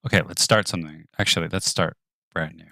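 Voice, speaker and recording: A man's voice: low-pitched, steady tone, fast talker, pushed and bright, dry recording. A man streaming his 3D work, thinking aloud and often dropping to a mutter or whisper to himself. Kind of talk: live-stream narration of work.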